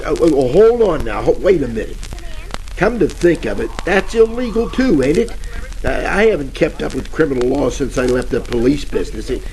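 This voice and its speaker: Sounding nervous, an actor with a slightly high, very animated, somewhat mellow voice at normal speed stumbles through hard-boiled slang as a jittery, inept private eye. It's a 1940s radio parody full of rambling and stammering, heard over crackly static.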